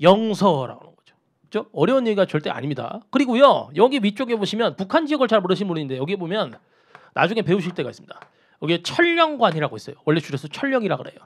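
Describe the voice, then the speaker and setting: A man's voice: sits high, big pitch swings, fast talker. A man teaching Korean history for civil service exams. He asks his students questions, answers them himself and repeats key terms to drive them home. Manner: often checks in with "you get it?". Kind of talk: exam-prep lecture.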